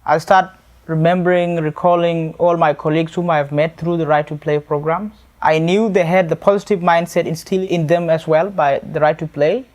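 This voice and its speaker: South Sudanese man, earnest and measured. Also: fairly high pitch, darkish tone. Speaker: speaker sharing a personal story. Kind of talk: earnest personal testimony.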